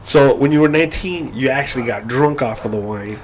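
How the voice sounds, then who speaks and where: A man's voice: mid-range voice, a little fast, a little hiss or hum, rough recording. A man co-hosting a podcast in casual chat, crude and joking, laughing often. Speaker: podcast co-host.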